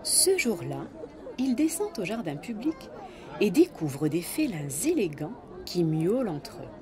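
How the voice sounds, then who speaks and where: A woman reading a children's storybook aloud in an expressive, animated way, with swooping emphasis. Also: mid-range voice, a little slow, crowd noise. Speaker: storybook reader. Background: background music.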